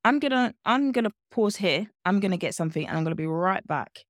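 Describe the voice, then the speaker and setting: A woman guest who works as a nutrition coach, talking in a playful, animated way and often repeating words. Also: medium pitch, fast, dry recording, studio quality. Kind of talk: casual interview chat.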